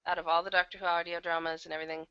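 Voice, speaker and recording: A woman with a lowish, level voice talks rapid-fire and smoothly as a guest in a casual interview about her work as an audio drama producer and casting director. She comes across candid and self-deprecating. The dry recording comes through a computer mic on an online call, sounding dull, lo-fi and uneven in volume.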